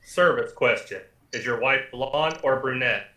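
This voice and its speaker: A man's voice: medium pitch, a little slow, echoey room, music in the background, lightly acted. A man voicing an impassive computer service in a radio comedy, speaking like a formal, matter-of-fact announcer. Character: impassive talking computer service giving deadly advice.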